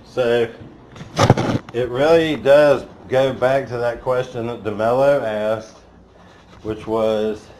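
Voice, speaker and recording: A man in the middle of a live spiritual talk in an auditorium, with an ordinary pitch for a man. He talks bluntly and curses freely as he makes his points. His voice swells to loud, emphatic peaks and then sinks back to low, quiet stretches. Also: steady tone, slow, long pauses, reverberant, a little hiss or hum, poor audio. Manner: blunt and profane, swearing freely. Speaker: spiritual teacher. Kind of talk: live motivational talk to an audience.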